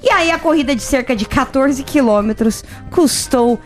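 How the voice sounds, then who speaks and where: A woman co-hosting a casual news chat, chatty and quick to react, from Portugal. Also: high voice, faint music behind. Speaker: co-host.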